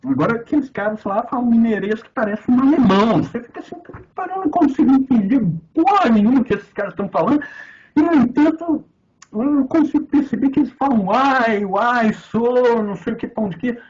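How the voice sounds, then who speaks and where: A man from Brazil with a Minas Gerais accent, lecturing on philosophy in a sarcastic, profane way, with loud outbursts and quiet asides. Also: very high voice, lively intonation, brisk, highs cut off. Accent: Minas Gerais Portuguese. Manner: sarcastic, swearing, swings from loud outbursts to mutters. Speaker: philosophy teacher. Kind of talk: lecture commentary on a text.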